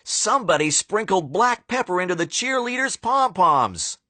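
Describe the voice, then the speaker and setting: A man voicing an excited fan in the bleachers in a storybook reading, exclaiming in a loud, raised, indignant voice. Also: high voice, normal speed, dry recording, pitched above the performer's own voice, exaggerated voice.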